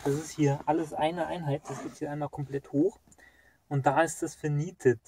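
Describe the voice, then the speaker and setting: A young man talks through his work on a car, chatty and thinking aloud with plenty of fillers. His voice sits a little high. Faint clicks and tool noise are heard in the cabin as a mounted camera records him. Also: little pitch movement, moderate pace. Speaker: car hobbyist vlogger. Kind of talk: casual how-to commentary while working. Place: inside a parked car. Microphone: action camera mounted in the car.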